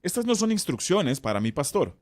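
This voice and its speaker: A man's voice: a little high, big pitch swings, brisk, darkish tone, dry recording, studio quality. A man teaching a Bible study session as pastor, emphatic and repeating key words for stress.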